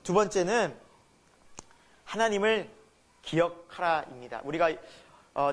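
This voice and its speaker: Male pastor, sermon delivery; high voice with wide swings, asks and answers the room. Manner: lively preaching, asks the congregation questions and answers them.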